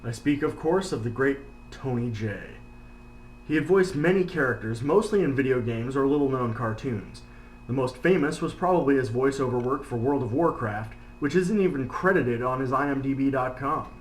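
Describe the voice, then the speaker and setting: A man gives scripted countdown narration at an average pitch. The recording is roomy and echoey, with faint noise behind him. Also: moderate pace.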